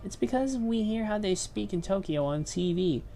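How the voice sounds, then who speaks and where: A woman's voice: mid-range voice, lively intonation, normal speed, warm tone, slight background noise, lightly acted. A woman reading aloud as a chatty young hostess from Hokkaido in a video game, in a plain, conversational delivery.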